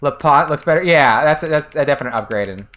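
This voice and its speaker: With an expressive, quick, fairly bright mid-range voice, an American streamer talks casually during gameplay. Between plays they answer chat messages, frequently trailing off and starting sentences over.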